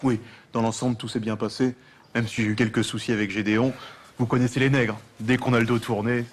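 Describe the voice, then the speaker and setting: Actor as an officious slave foreman, medium pitch. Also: flat delivery, brisk, slight background noise, lightly acted. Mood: deferential. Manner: officious, bossy. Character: zealous, servile slave promoted to bossy foreman. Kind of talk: period film comedy acting.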